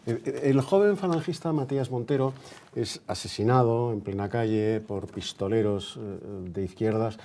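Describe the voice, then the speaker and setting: Hosting a TV interview, the man speaks at a moderate pace with a fairly low, mellow voice, and a little background noise is audible. His manner is chatty yet hesitant; he repeats words and tacks on brief tags to check with his guest.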